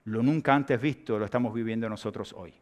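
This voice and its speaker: A man with a Cuban accent preaching a sermon and leading a closing prayer in church, swinging from hushed words to loud emphatic ones. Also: lowish voice, fairly quick. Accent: Cuban Spanish. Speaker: pastor. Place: church sanctuary during a service.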